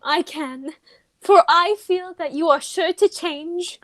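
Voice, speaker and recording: A woman's voice: extremely high pitch, slow pace, fairly bright tone, full character voice. A woman playing a romantic, theatrical young upper-class lady in a radio play of a stage comedy. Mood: adoring.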